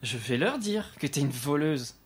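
A man's voice: on the high side, animated, a little fast, voice pushed up. A man voicing a young boy who confronts his sister in a blunt, contemptuous way. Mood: accusing. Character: young boy, accusing, contemptuous older brother.

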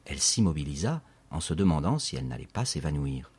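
A man narrating a story in a steady, expressive audiobook reading. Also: a bass voice, fast, husky.

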